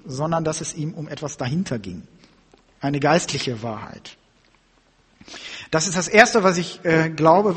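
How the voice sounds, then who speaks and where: Male preacher, very husky, lively pitch, reads scripture with feeling, long hall reverb. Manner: reads scripture aloud with expression, then explains informally. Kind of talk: sermon with Bible reading.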